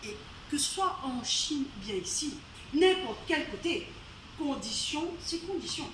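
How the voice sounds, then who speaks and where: Woman storyteller, Réunion accent, high voice, echoey room, distant mic. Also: expressive, unhurried, a bit bright. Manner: chatty, asides to the audience, laughs often. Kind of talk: live oral storytelling. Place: storytelling evening in a venue. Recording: roomy, distant live venue recording with faint noise.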